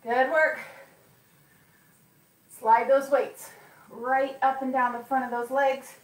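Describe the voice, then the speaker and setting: Woman fitness instructor, high voice, unhurried cues, encouraging, counts reps, echoey gym, distant mic. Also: level tone. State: occasional coughing. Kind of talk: live workout class coaching. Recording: echoey room, mic far off.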